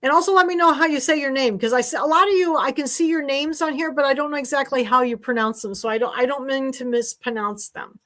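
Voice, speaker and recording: A woman's voice: sits high, fast, hardly any pauses, a bit bright. Chatty woman hosting a sewing livestream. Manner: chatty, rambling, with fillers and restarts. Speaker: sewing class host. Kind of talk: casual livestream chat. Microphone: desk mic while streaming.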